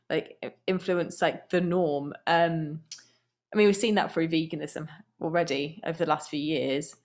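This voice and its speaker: A woman with a fairly low voice speaks as a guest on a podcast. She talks in a thoughtful, earnest way, with fillers and restarts. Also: darkish tone. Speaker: guest, app founder. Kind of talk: casual conversational interview.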